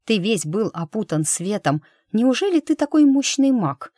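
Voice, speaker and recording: A woman reading a lively, teasing young woman in an audiobook, quick and emotional in her lines. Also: mid-range voice, dry recording, clean studio sound, pitched above the performer's own voice. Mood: curious.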